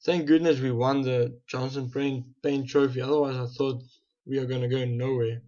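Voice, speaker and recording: A young South African man hosts a gaming channel and chats casually through his football management game, thinking aloud and often restarting or correcting himself. His mid-range voice barely moves in pitch and comes at a normal speed, sounding mellow, with the highs cut off.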